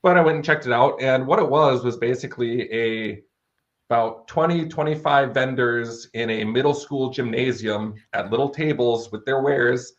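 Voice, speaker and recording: Speaking at normal speed in a mid-range voice, this American man in his thirties is a fantasy author being interviewed. The audio is dull as he spins enthusiastic, wordy stories in a relaxed conversational style.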